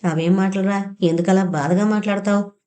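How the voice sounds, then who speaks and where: A woman voicing a loyal older male friend who talks in a brisk, reassuring, familiar way. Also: medium pitch, fairly even intonation, warm tone, natural voice. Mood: concerned.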